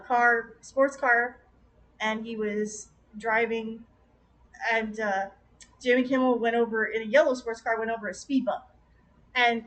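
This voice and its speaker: A woman reads tarot cards on a casual livestream. Her voice sits a little high, and she talks in a chatty, rambling way full of asides. Her advice comes out gentle and encouraging. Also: low-quality recording. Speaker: tarot reader.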